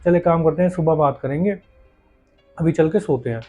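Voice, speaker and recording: A man's voice: a little high, fairly quick, darkish tone, faint music behind, close to an everyday voice. A man voicing a young wife who speaks in an anxious, bewildered way. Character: young wife, confused and frightened.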